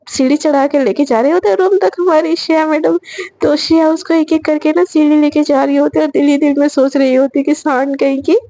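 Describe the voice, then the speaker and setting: A woman's voice: high voice, mellow, no echo. A woman casually narrating a romantic story in a chatty way, slipping into each character's lines.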